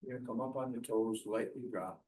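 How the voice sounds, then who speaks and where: A man instructing a qigong class, giving measured step-by-step movement cues in short, spaced phrases. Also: mid-range voice, dark tone, a little hiss or hum, rough recording.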